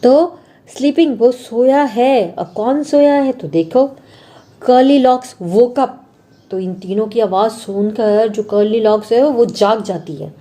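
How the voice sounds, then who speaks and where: Woman teacher, patient explainer who asks and answers her own questions; unhurried. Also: fairly high pitch, dark tone. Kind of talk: explaining an English textbook story.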